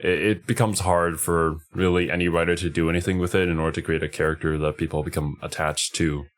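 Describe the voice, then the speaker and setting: A man's voice: sits low, fairly even intonation, fast. A man streaming casual reaction commentary, thinking aloud a little hesitantly as he goes.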